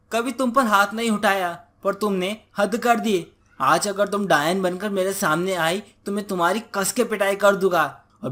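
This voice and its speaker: A man's voice: sits high, bright, forceful tone. Man playing a weary village husband. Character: poor village husband, weary but cunning.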